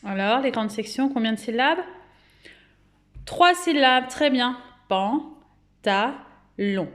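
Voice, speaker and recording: A woman with a French accent giving a phonics lesson to young children at home, speaking patiently and clearly and drawing out each word's syllables. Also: high-pitched, lively intonation, a bit bright. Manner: slow, clear, patient, syllables drawn out and repeated. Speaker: kindergarten teacher.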